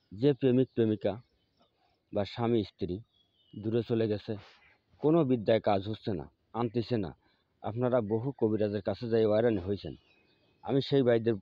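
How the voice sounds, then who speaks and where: A man's voice: medium pitch, dry recording. A man, a folk healer giving outdoor step-by-step instructions, repeating himself and restarting words often. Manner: plain, repetitive instruction with frequent stammered restarts. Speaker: folk healer teaching a mantra. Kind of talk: spoken outdoor how-to demonstration. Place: outdoors by trees at sunrise. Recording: dull, dry lo-fi recording.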